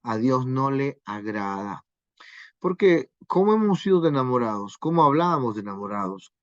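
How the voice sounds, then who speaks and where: A man teaches a Bible class on marriage at a middle pitch. He keeps tagging his points with questions like "¿no?". The sound is dry and a little muffled, with no room echo. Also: sing-song, moderate pace. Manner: asks frequent rhetorical questions with tag "¿no?".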